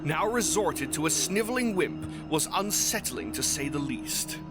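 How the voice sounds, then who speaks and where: A man narrates a scripted story in an animated yet unhurried way, his voice sitting a little high for a male speaker. Music plays clearly behind him.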